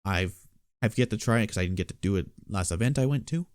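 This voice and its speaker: A man giving a casual spoken beatbox tutorial, explaining in a relaxed, matter-of-fact way. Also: on the low side, quick pace, no echo, studio quality.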